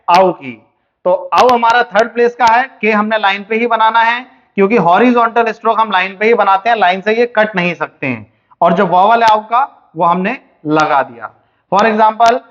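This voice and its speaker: During a classroom shorthand lesson, a man with a high, slightly bright voice explains things step by step, posing questions and answering them himself. The recording is dull, muffled, and lo-fi.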